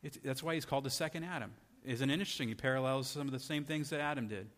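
A man's voice: medium pitch, rapid-fire, a bit bright. A man preaching a sermon in a conversational way, often asking his listeners rhetorical questions. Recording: long hall reverb.

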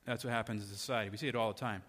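A man's voice: fairly low pitch, steady tone, rapid-fire, a bit bright. A man preaching a sermon in a conversational way, often asking his listeners rhetorical questions. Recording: long hall reverb.

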